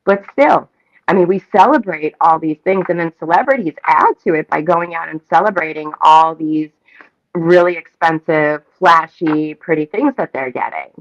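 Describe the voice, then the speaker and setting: Low-pitched and at normal speed, a woman from Staten Island, New York talks as a talk show co-host, voicing strong opinions in an emphatic, repetitive, casually profane manner. The lo-fi recording carries no room sound.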